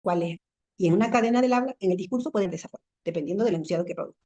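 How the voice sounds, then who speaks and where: A woman teaching a university language class online through a computer mic, patient and explanatory, repeating examples slowly and asking the class rhetorical questions. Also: lowish voice, mellow. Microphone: computer mic in a video call.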